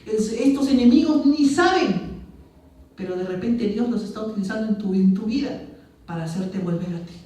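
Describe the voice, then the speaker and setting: A man preaching a sermon as pastor, asking his congregation rhetorical questions and moving between loud readings and hushed asides. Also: sits high, moderate pace. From Peru. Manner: emphatic, asks the congregation many rhetorical questions. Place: church sanctuary. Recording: very echoey church, voice far from mic.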